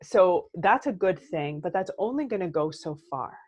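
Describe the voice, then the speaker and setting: A woman's voice: fairly low pitch, lively intonation, normal speed, darkish tone. A woman therapist and coach in her thirties, talking earnestly and reflectively as a podcast guest, often checking in with "right?". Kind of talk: casual podcast conversation.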